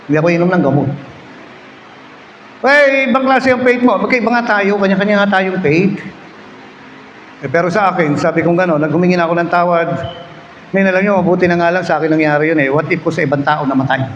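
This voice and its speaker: Male pastor, Filipino accent, sermon, storytelling, hushed prayer to loud exhortation, long hall reverb, faint background noise. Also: on the high side, fast talker. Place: church hall. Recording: echoey hall, slightly dull sound.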